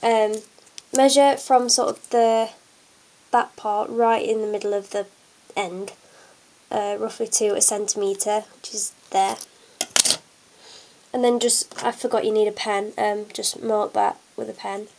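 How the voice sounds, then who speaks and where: A young woman with a cold leads a hands-on craft tutorial from an indoor table, her hands visible on camera. She speaks unhurriedly in a mid-range, level, slightly mellow voice that sounds congested, chatting with many ums while she works over slight background noise.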